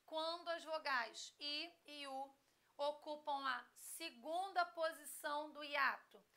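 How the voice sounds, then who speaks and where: A woman's voice: sits high, slow, bright, forceful tone. A woman teacher giving a recorded grammar lesson, spelling out word endings letter by letter and checking in often with short questions.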